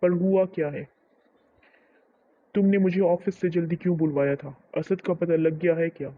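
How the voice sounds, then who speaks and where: Man reading a protective, impatient husband: brisk, plain, fairly high voice, dull lo-fi audio. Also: fairly even intonation, close to an everyday voice. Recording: muffled lo-fi recording.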